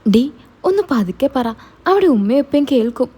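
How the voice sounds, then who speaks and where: A woman voicing a husband abroad who argues defensively and tries to calm his wife in a storybook tale. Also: sits high, normal speed, slightly rough, exaggerated voice. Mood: placating.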